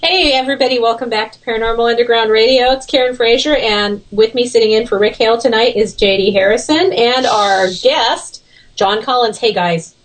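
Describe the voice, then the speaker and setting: Female talk radio host, casual interview chat, highish voice, a little off the mic. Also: a little fast, far from the mic, rough recording.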